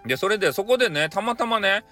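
Animated man telling a tale in Hakata dialect. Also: high voice, quick pace, soft background music. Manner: playful, rambling, animated. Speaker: storyteller. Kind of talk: casual retelling of a folk tale for bedtime.

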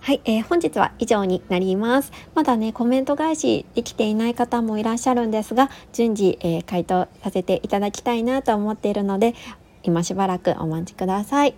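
A woman's voice: mid-range voice, a little fast. Chatty woman hosting a solo podcast. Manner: friendly and chatty, with soft fillers. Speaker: podcast host. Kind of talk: casual solo podcast, reading listener comments.

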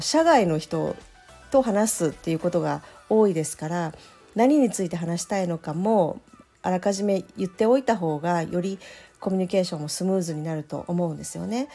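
A woman teaching English pronunciation in a casual spoken lesson, explaining step by step and saying example phrases slowly. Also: on the low side, warm tone. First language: Japanese. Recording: faint background music.

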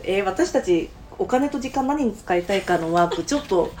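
A woman's voice: mid-range voice, lively intonation, normal speed, a little mellow, a little hiss or hum. A woman around forty co-hosting a casual podcast chat, talkative and self-deprecating, laughing often. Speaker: podcast co-host.

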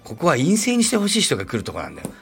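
A man's voice: a little high, wildly swooping pitch, very fast, vocal fry, a bit bright, husky, faint music behind. A middle-aged man hosting a podcast, telling a story in a chatty, rambling way with wry asides. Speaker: podcast host. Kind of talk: casual storytelling monologue.

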